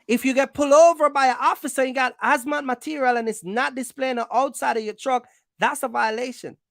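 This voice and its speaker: A high-pitched woman with a steady, creaky tone speaks briskly in clean studio sound without echo. She hosts a trucking channel and hands out advice in a casual explainer, blunt and emphatic, full of slang and repeated phrases.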